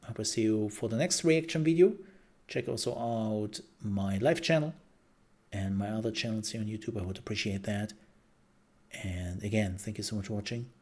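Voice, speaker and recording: A man's voice: lowish voice, moderate pace, darkish tone. A man streaming live and chatting casually as he reacts, rambling and thinking aloud with repeated phrases, his voice worn out from a long day of talking.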